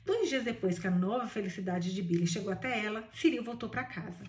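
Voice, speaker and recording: A woman's voice: medium pitch, expressive, fairly quick, far from the mic, a little hiss or hum. Brazilian woman reading a novel aloud, echoey room. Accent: Brazilian Portuguese. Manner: gushing asides to listeners. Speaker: book club reader.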